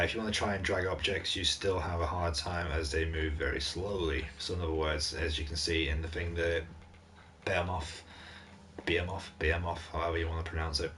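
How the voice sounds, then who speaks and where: A man's voice: sits low, fairly bright tone. A man hosting a gaming channel, giving a casual mod review commentary in an off-hand way, reading descriptions aloud with blunt asides, his voice starting to go.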